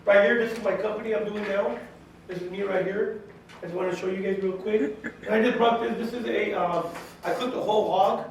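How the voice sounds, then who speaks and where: A man's voice: high-pitched, steady tone, fairly quick. A man in his forties from California, a chef speaking as a guest to a class of students in a casual, chatty, direct way, often saying "you know" and acting out what people said. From California, USA. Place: high school classroom. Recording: very echoey classroom, mic far off, faint hiss.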